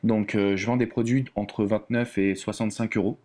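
A man's voice: on the low side, normal speed. A man from France, a relationship coach, talking casually as an interview guest with plenty of fillers and restarts. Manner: relaxed, chatty, many fillers and restarts.

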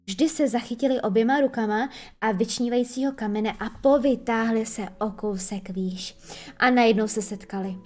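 A woman narrating a children's storybook in a lively, expressive way. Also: a little high. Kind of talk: storybook reading.

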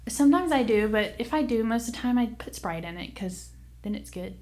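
A woman's voice: on the high side, expressive, brisk, darkish tone. A young woman co-hosting a casual true-crime podcast, full of wry asides and laughter. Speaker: podcast co-host.

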